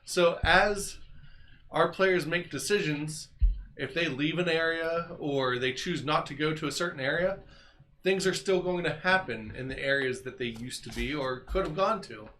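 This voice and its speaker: A man acting as dungeon master, introducing a tabletop game stream in a relaxed, explanatory way. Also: a little high, moderate pace.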